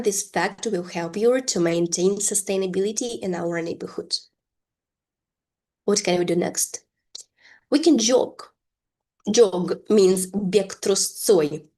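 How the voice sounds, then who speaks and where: A woman teaching an English lesson, explaining words slowly and repeating phrases for learners to copy. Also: mid-range voice, darkish tone. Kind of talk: bilingual language lesson.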